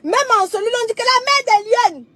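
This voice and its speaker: Very high-voiced emphatic woman. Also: expressive, fast, heavy background noise. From Cameroon. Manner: emphatic and declaiming, with sudden swings in loudness. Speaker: live streamer. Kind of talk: livestream monologue.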